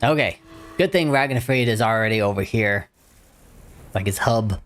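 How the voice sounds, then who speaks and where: A man's voice: on the low side, normal speed, fairly bright tone. A man streaming a game, chatting casually in self-deprecating muttered asides between dialogue he reads. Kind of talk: casual gameplay chat.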